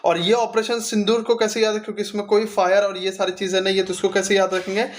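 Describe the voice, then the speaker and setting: A man's voice: sits high, level tone, quick pace. A male exam coaching teacher revising memory tricks, asking questions and answering them himself in a chatty, friendly way. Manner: chatty, addresses students as bhai.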